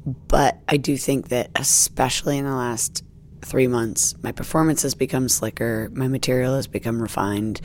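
A woman's voice: a bass voice, steady tone, moderate pace, a little mellow, a little hiss or hum. A woman comedian from the United States, a guest in a casual interview chat, who rambles with many fillers and restarts.

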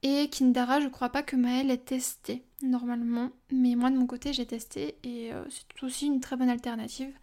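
A woman's voice: high voice, level tone, moderate pace, few pauses, mellow. A young woman hosting a podcast, talking casually and personally with many fillers and asides. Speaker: podcast host.

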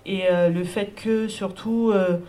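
A woman artist from French Guiana reporting back from a workshop, halting and full of fillers. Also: medium pitch, steady tone, warm tone. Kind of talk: spoken report to a group.

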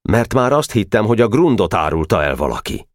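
A man voicing a calm, thoughtful schoolboy leader. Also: on the low side, no echo, studio quality, pitched above the performer's own voice. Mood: relieved. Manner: relieved, calm.

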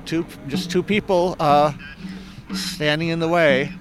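A man who is a protester speaking reflectively and haltingly in an interview outdoors by a road. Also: a little high, fairly even intonation, low-quality recording. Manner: halting, repeats words.

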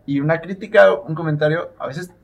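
A man's voice: fairly high pitch, brisk, vocal fry. A man co-hosting a podcast, asking long, thoughtful questions. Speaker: podcast co-host. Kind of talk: casual interview chat.

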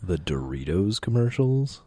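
A man from Illinois in his late twenties, a podcast guest telling laid-back stories with halting fillers. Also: low voice, very animated, dark tone, husky. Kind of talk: casual chat.

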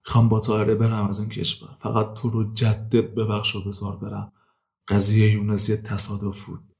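A man voicing a panicked young male ex-convict who begs and shouts, close to tears, in an audio drama. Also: on the low side, monotone, gravelly. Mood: pleading. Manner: shouting, pleading.

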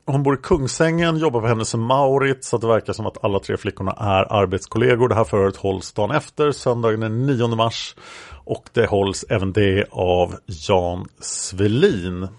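A man narrating and presenting archive interview transcripts in a measured, explanatory way. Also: on the low side.

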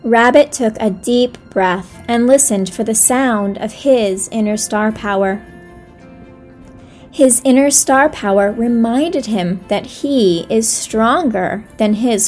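A woman gently narrating a children's bedtime story, with soft music behind. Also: on the high side. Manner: gentle, soothing reading.

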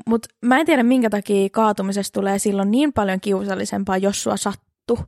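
A woman's voice: medium pitch, fairly even intonation, a little mellow, no echo, clean studio sound. A young woman co-hosting a podcast, in casual chat with teasing, wry banter. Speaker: podcast co-host.

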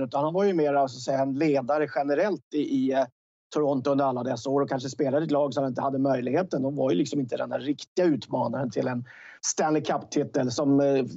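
A man's voice: on the high side, dark tone, no room sound, dull audio. A man giving his views in an unscripted hockey discussion, talking discursively and tossing in tag questions. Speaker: studio commentator.

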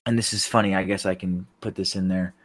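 A man co-hosting a podcast in casual chat, talking hesitantly with many pauses and filler sounds. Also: sits low, fairly even intonation. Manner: hesitant, lots of ums. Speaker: podcast co-host.

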